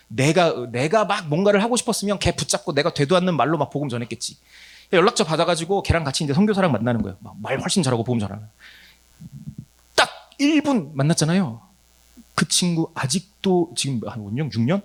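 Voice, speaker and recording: Man, missionary preacher, animated storytelling, slightly high voice, swinging pitch. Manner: lively storytelling with laughter and acted quotes. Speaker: missionary speaker. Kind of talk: conference sermon talk.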